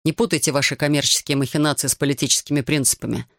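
A man voicing a stern, influential host who questions his visitor in a measured, probing way. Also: fairly high pitch, fairly even intonation, gravelly, a bit bright, no echo, clean studio sound.

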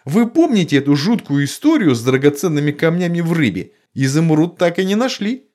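A man's voice: on the high side, sing-song, a little mellow, voice pushed up. A man reading an audiobook, voicing a strict, sarcastic middle-aged mother in a raised voice. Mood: stern. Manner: stern, brisk and sarcastic.

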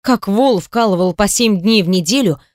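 A woman narrating an audiobook in an even, measured reading. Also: mid-range voice, dry recording, studio quality. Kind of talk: scripted narration.

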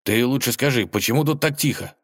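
A man's voice: mid-range voice, husky, voice pushed up. A man voicing an anxious, talkative male wolf who rambles and frets. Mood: evasive. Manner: fretful, rambling, slow.

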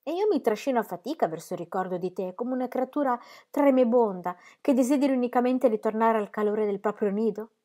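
A woman's voice: on the high side, a little fast, few pauses, warm tone, pitched above the performer's own voice, lightly acted. A woman reading an audiobook, voicing a restless, demanding young male artist in impassioned, pleading outbursts.

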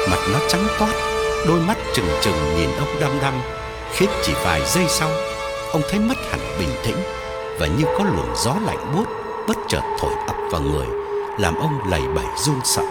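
Man, horror story narrator, very expressive pitch, loud music behind. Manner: dramatic, drawn-out storytelling.

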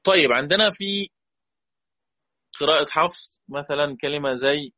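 His voice sits on the high side with a sharp tone, moving at a moderate pace over dull audio. With an Egyptian Arabic accent, he teaches a Quran recitation lesson in an explanatory style, patiently repeating key points and putting questions to his students.

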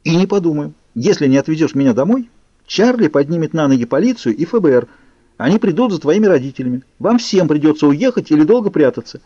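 A man voicing a frightened, furious teenage girl in an audiobook, pleading and shouting in a raised voice. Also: a little high, very animated, quick pace, no echo, pitched above the performer's own voice. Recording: muffled lo-fi recording.

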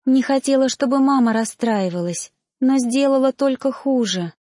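A woman's voice: sits high, moderate pace, dark tone, no room sound, clean studio sound, pitched above the performer's own voice. A woman voicing the ghost of a grieving young woman, speaking in a sobbing, pleading way. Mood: tearful.

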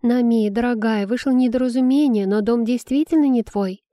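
A wheedling young daughter pleads in a high, whiny, tearful voice, as a woman reader puts her on. Her tone stays mellow and warm in a dry, close audiobook sound. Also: moderate pace, dry recording, lightly acted. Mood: plaintive.

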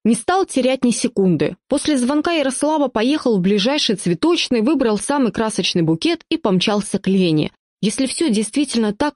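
A woman reading first-person audiobook narration with lively storytelling. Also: fairly high pitch, dry recording, clean studio sound.

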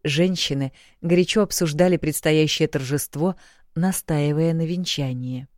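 A woman narrating an audiobook in an even storytelling manner. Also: low voice, normal speed, no echo, clean studio sound. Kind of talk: scripted narration.

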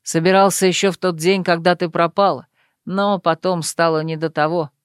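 A woman reading an audiobook and voicing a confident male werewolf lover, calm and assured. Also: lowish voice, normal speed, smooth, no echo, clean studio sound, natural voice.

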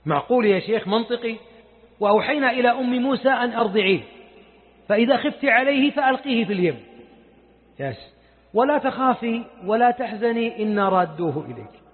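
A man preaching a sermon with emotion, moving from hushed lines to loud exclamations. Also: very high voice, lively intonation, a little fast, long pauses, slightly rough. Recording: echoey hall over a tinny lo-fi recording.

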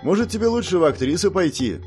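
A man's voice: high-pitched, sing-song, fast talker, darkish tone, soft background music, voice pushed up. A man voicing a sardonic young prince with a curt, ironic way of speaking.

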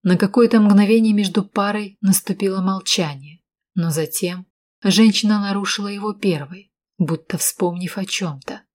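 A woman narrating an audiobook in an even, steady reading voice. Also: mid-range voice, normal speed.

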